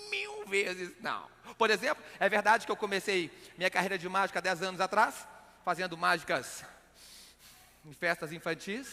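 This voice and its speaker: A man's voice: sits high, pushed and bright. A man with a Brazilian accent from Minas Gerais giving comic stage talk as a conversational showman who repeats words for emphasis. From Belo Horizonte, Brazil. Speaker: magician, comedian and motivational speaker. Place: on stage in a hall. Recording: reverberant hall sound.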